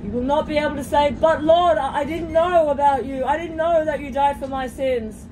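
A woman's voice: normal speed, rough recording. A woman preaching fervently to passengers inside a moving train, with repeated hallelujahs and direct appeals, recorded on a phone. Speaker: street preacher. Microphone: phone camera held by the preacher. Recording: phone audio with loud train noise. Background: train rumble.

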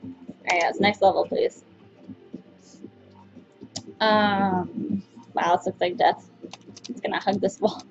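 A woman's voice: medium pitch, fairly even intonation, slow, vocal fry, long pauses, faint music behind. A young woman doing casual let's play commentary as the host, playfully self-deprecating, exclaiming and muttering as she plays. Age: young adult. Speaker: gamer host. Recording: slightly dull sound.

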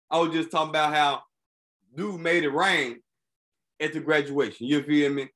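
A man hosting a podcast, riffing on news stories in a casual, comedic, slangy way and constantly checking in with the listener. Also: a little high. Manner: animated, slangy, keeps asking "you feel me". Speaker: podcast host.

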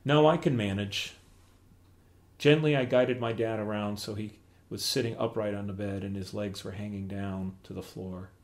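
A middle-aged man reads aloud from a memoir he wrote. His voice sits a bit low for a man, and he tells the story in a plain, measured way. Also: flat delivery. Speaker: author reading his memoir. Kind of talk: memoir reading.

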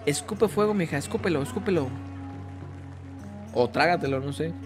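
Man, Mexican accent, joking gameplay chatter, lively pitch, music playing behind. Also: moderate pace. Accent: Mexican Spanish. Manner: joking, chatty, talks to the game character. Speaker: gaming YouTuber. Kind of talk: casual gameplay commentary.

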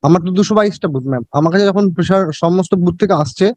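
A man with a Bengali Indian accent answering in court as an election officer, deferential and defensive, with halting repeated words. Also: sits high, darkish tone, dry recording. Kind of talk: answering questions in a court hearing.

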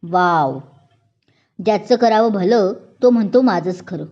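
A woman's voice: fairly high pitch, animated, moderate pace, darkish tone. A woman voicing a stern young male police inspector who scolds curtly and sounds exasperated, in a dull lo-fi recording.

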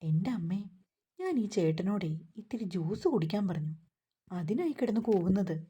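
A cheeky teenage younger sister, pleading and complaining in a raised pitch, as a woman narrator puts her on. The voice keeps a husky, mellow grain. Storybook reading. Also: animated, normal speed. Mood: pert. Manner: pert, pleading.

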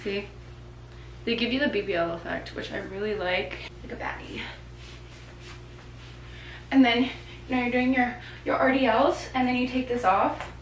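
Recorded by a camera mic from across the room, a bubbly twentysomething vlogger talks casually as she moves between bedroom and living room at home. She sounds a little high at a moderate pace with long pauses, amid room echo and background noise.

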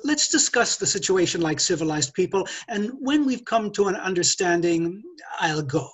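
Older man acting a husky, haughty gentleman thief. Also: sits high, lively intonation, moderate pace. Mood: smooth condescension. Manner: condescending, lecturing, theatrical. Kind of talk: stage play read over video call. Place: indoors, curtained room. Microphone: video call.

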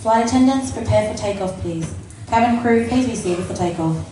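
A woman's voice: medium pitch, normal speed, dark tone. Woman giving a mock captain's cabin announcement. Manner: formal, scripted announcement reading. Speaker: mock airline captain at a student event. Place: large hall at a live event. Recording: echoey hall PA, far off, noisy.

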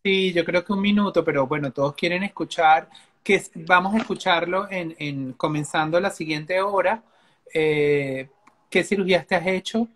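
A man's voice: sits high, moderate pace, a bit bright. A man, a surgeon, hosting a live interview and asking short, prompting questions. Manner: brief prompting questions and affirmations. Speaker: host, surgeon.

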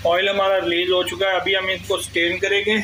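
A bright, clear man's voice. He speaks on a fairly steady, level pitch and guides viewers through a home cooking recipe in a friendly way. A faint hum sits under his voice. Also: fairly quick, poor audio. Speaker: cooking channel host. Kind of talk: cooking tutorial. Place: home kitchen.

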